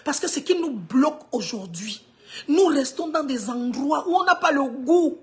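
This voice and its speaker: A woman's voice: sits high, animated, normal speed. A woman in her fifties from Cameroon, with a Cameroonian French accent, giving an earnest motivational talk on a live stream. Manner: earnest, swings from hushed to emphatic.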